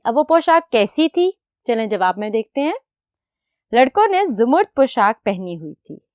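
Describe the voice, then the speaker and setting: A woman's voice: high voice, clean tone, no room sound, studio quality. A young woman teaching a recorded class, patiently explaining and putting questions to the children. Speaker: school teacher.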